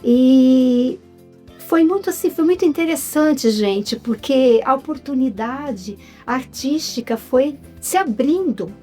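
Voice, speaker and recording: A Brazilian actress in her fifties, speaking with a Brazilian Portuguese accent, tells her story as a guest in a relaxed, casual interview. Her slightly high voice stays lively and animated as she takes it slowly, calling the audience "gente," while soft music plays behind her.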